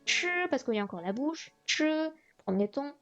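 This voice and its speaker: A woman's voice: on the high side, lively intonation, normal speed, muffled recording, soft background music. A woman streaming live as she revises vocabulary, thinking aloud and often correcting herself. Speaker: streamer studying Chinese vocabulary. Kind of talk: live-stream study session.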